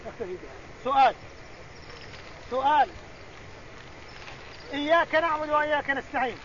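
A man with a strikingly high voice leads a classroom Quran lesson. He explains readings and fires questions at his students. The recording is dull and muffled, with a faint hiss of background noise. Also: lively intonation, moderate pace, fairly bright tone. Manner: explains and quizzes students directly. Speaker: religious teacher.

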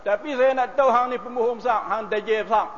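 A man acting out a clever young man in a sermon story, speaking in a higher, pointed accusing voice. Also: fast, big-room sound, dull audio, slight background noise.

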